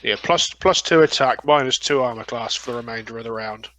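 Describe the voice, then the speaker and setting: A man takes his turn in a tabletop session, working through rules and bonuses aloud. His voice sits at an ordinary pitch, casual and matter-of-fact. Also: a little fast, pushed and bright, slight background noise, poor audio. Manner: works through rules and dice sums aloud. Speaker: player.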